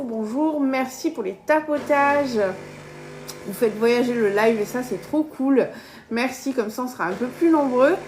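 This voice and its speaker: A woman's voice: sits high, a little mellow, a little hiss or hum. A woman with a southern French accent, hosting a casual cooking live stream from her kitchen, chatting with viewers and laughing often. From south of France. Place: home kitchen.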